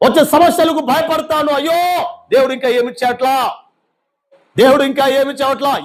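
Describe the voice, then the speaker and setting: A male pastor preaching a fervent sermon, firing off rhetorical questions at his congregation. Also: very high voice.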